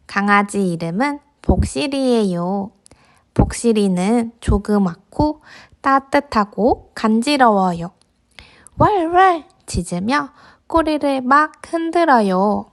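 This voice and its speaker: A woman reading a picture book aloud to young children in a gentle, simple way, like a teacher with toddlers. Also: on the high side, expressive, slow pace. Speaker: children's storybook reader, teacher. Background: background music.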